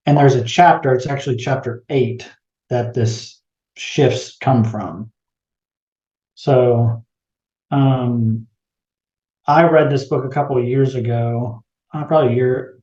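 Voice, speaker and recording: A man's voice: medium pitch, dark tone, reverberant, lo-fi sound. A man co-hosting a podcast, chatting animatedly and asking questions, often acting out what others might say. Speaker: podcast co-host. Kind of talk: casual chat.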